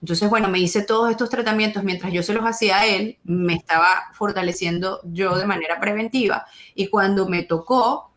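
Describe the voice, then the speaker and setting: A woman tells her story in an interview. She often stops and restarts, repeating words as she searches for them, and her pitch sits in a middle range. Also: brisk, hardly any pauses, fairly bright tone. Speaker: interview guest. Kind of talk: emotional testimony in conversation.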